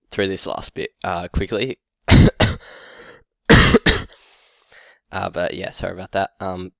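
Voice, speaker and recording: A sick man, short of breath and coughing, talking to camera in a halting, casual way with many ums and uhs. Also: sits low, vocal fry, fairly bright tone, no echo, dull audio. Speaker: fantasy football YouTuber.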